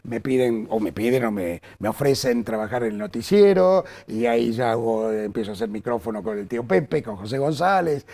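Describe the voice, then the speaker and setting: An older Argentine journalist from Córdoba, appearing as an interview guest, tells anecdotes from his career. His mid-range voice moves fairly quickly with few pauses, and he's an animated storyteller who uses lots of fillers and restarts his sentences often.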